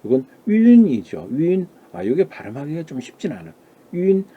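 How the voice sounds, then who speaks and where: Lively husky-voiced man lecturing. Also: a little fast, muffled recording. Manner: asks questions and answers them himself, models syllables in a higher voice. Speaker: Chinese pronunciation lecturer. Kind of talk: classroom lecture.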